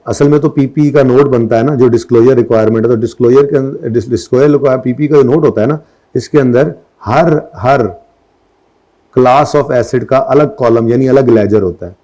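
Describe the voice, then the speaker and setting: A man's voice: mid-range voice, mellow. A middle-aged man teaching an accountancy class, mixing English terms into his Urdu and firing checking questions at students. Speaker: accountancy lecturer. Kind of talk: classroom lecture.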